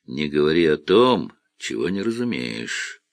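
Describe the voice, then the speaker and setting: A man voicing a hard, boastful middle-aged man who talks gruffly with swagger, in a story reading. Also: very deep voice, very animated, measured pace, no room sound, full character voice. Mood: grim.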